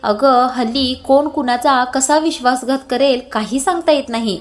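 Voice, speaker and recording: A woman's voice: high-pitched, moderate pace, natural voice. A woman voicing a suspicious middle-aged mother-in-law who pries with pointed questions, in a retold serial scene. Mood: prying. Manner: prying questions.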